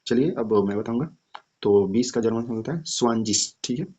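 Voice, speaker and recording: A man teaching a language lesson, explaining step by step and often checking in with "ठीक है" while drilling words slowly. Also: medium pitch, dark tone, highs cut off. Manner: repeats "ठीक है" often, slow drilled repetitions.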